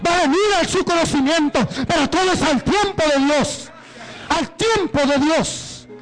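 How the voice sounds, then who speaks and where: A man's voice: normal speed, a bit bright, poor audio. A man from Guatemala, preaching an evangelical sermon as a guest preacher and rising into fervent preaching. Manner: rises to fervent, high-pitched preaching.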